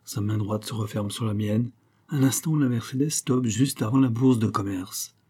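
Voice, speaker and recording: A man narrating a first-person novel in a measured, intimate style. His voice is low and mellow, with a husky, slightly breathy edge. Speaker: audiobook narrator.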